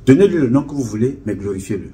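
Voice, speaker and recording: Man, measured spokesman delivery, mid-pitched voice, faint hiss behind. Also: lively intonation, dark tone. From Cameroon. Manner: solemn, measured, rhetorical, repeats and lists words. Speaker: association spokesman addressing followers. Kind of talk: direct-to-camera address. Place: indoor studio with camera crew.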